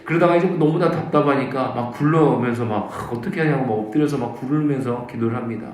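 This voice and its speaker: 교회 예배당에 울리는 남성 목사의 간증 설교. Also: male voice, mid-range voice, fast, darkish tone. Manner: storytelling, acts out quoted voices. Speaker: pastor. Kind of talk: sermon with personal testimony. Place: church sanctuary. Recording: very echoey church hall.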